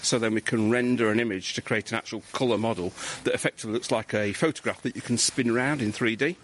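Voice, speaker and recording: A man, a civil engineering lecturer, answering interview questions outdoors in a measured, explanatory way with frequent restarts. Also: mid-range voice, fairly bright tone. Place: outdoors on a hillside street.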